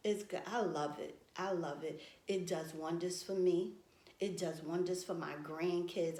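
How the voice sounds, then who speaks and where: A woman's voice: mid-range voice, darkish tone, reverberant. A woman who is a grandmother, talking casually to her viewers in a chatty, emphatic way and repeating her points for effect. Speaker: vlogger selling tea products. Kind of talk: casual talk to camera.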